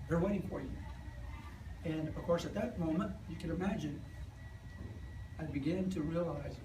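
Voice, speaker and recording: A hoarse man in his fifties, with a voice a little high for a man, tells his personal story to a live audience at a moderate pace, earnest and plain-spoken, acting out the dialogue. The recording from the event hall is distant and echoey, with steady room noise behind him.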